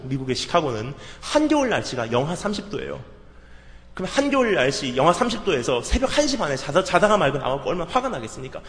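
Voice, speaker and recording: A man preaching a sermon, swinging between soft low asides and loud fervent outbursts, acting out conversations with a friend. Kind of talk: sermon with acted dialogue. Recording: reverberant hall.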